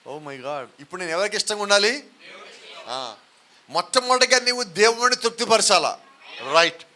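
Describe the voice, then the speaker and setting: Telugu man preaching, keeps quizzing the congregation, high sharp voice. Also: animated, moderate pace. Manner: questions the congregation and urges loud answers. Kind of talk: sermon.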